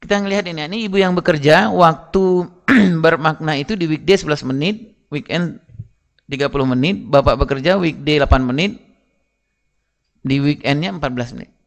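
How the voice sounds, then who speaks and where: Man, high voice, seminar talk, chatty, addresses listeners directly, acts out scenes. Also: a little fast. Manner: acts out parent and child dialogue. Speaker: parenting speaker.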